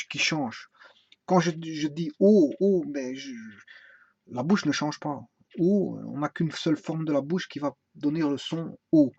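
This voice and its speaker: A man giving an informal music theory lesson, hesitant, with many fillers and restarts, now and then singing a phrase slowly. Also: a little high, breathy edge, dry recording. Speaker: music teacher. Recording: dry, dull lo-fi sound.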